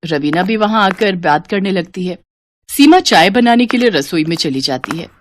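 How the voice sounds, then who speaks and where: Expressive woman storyteller. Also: fairly low pitch, normal speed, background noise. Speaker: narrator. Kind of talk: animated storytelling narration.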